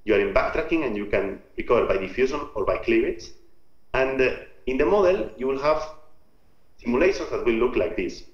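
A man from Spain's Basque Country with a Basque Spanish accent, giving an informal scientific lecture in a halting, step-by-step explanatory way. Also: mid-range voice, animated. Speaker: researcher presenting own work. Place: remote talk over video call. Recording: muffled, roomy video-call audio.

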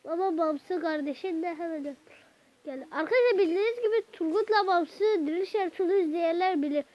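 Woman, very high voice, let's-play commentary, chatty with viewers, dull lo-fi sound. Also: a little fast. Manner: chatty, keeps addressing viewers, excitable outbursts at the game. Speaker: gaming channel host. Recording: dull lo-fi recording.

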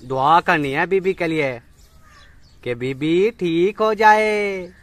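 Speaking slowly in a high-pitched voice, a man makes a casual family vlog at home, patiently testing a child on letters and numbers and calling to the children as they play.

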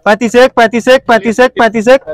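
A man's voice: extremely high pitch, steady tone, fast talker, no echo. A man running an outdoor motorbike auction, calling bids over and over. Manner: repetitive bid calling, chanting prices. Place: outdoor lot full of parked motorbikes.

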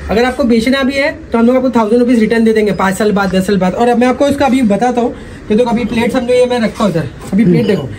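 A man, giving a rapid, repetitive sales pitch while showing gear in a cluttered indoor shop, filmed close up. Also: darkish tone, slight background noise. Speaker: gym equipment seller.

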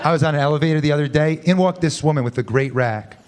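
A man in his thirties doing a dry, deadpan stand-up set on a club stage, speaking into a handheld mic. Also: a little high, fast. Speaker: stand-up comedian. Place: comedy club stage before a live audience. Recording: loud club crowd and noise. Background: loud audience laughter.

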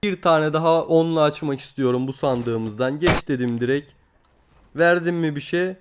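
A young man with a fairly high voice gives casual commentary over his own gameplay. He is excitable, scolds the game out loud and curses at it when it gives him nothing. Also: normal speed, noisy background. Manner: excitable, swears at the game, talks to it directly. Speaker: gaming YouTuber.

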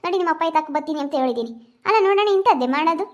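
A woman playing a sharp-tongued village mother with a rural Chitradurga Kannada accent, scolding in a rapid, shrill way. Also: expressive. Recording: muffled lo-fi recording.

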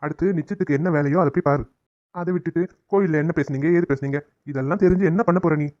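A man's voice: on the high side, quick pace, darkish tone, no echo, dull audio, natural voice. A man voicing a teasing, dismissive middle-aged husband in a cartoon family drama. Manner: dry, mocking.

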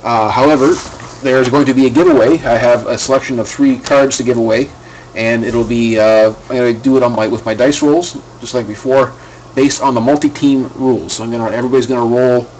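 A man's voice: mid-range voice, fairly even intonation, a little fast, darkish tone, a little hiss or hum, low-quality recording. A man hosting a live card break at his home desk, talking casually and rambling with fillers and restarts.

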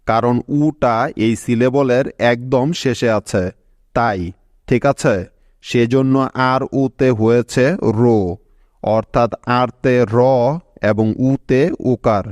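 Patient man teaching spelling slowly. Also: mid-range voice, a little mellow, no echo, clean studio sound. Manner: slow, patient, spells letters out one by one. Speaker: English teacher. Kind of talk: scripted lesson narration.

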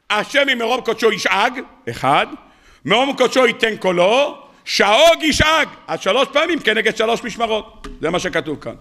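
A man with a high, bright, forceful voice gives a Torah lecture to a live audience. He chants scripture slowly and breaks off for quick joking asides. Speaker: rabbi.

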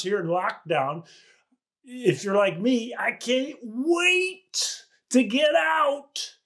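Enthusiastic male pastor in his 50s, preaching slowly in a high voice from a home-office webcam. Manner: enthusiastic, with big hand gestures. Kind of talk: sermon to camera. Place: small home study, indoors.

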